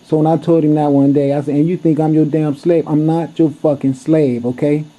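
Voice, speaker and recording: A man's voice: a little high, little pitch movement, fairly quick. A man telling a story to camera in a blunt, heated way, cursing freely as he goes. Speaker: vlogger. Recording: dull lo-fi recording.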